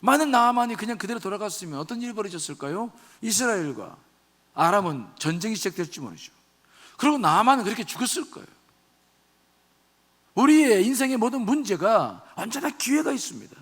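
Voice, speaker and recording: Male pastor, animated sermon, questions the crowd, high pitch, reverberant sanctuary. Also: brisk. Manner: animated preaching, questioning the congregation. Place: church sanctuary.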